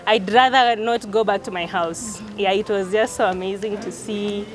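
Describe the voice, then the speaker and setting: A woman's voice: medium pitch, fairly even intonation, normal speed. A woman with a Kenyan accent answering questions in a casual interview chat. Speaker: programme participant being interviewed. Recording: music playing behind the voice.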